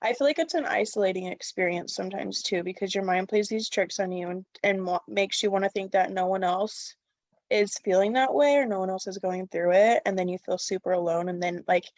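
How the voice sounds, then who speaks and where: A woman's voice: mid-range voice, darkish tone. A young adult woman hosting a podcast in casual chat, bubbly and upbeat, with lots of "like" and "um". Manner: bubbly, upbeat, filler-heavy with "like" and "um". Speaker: podcast host.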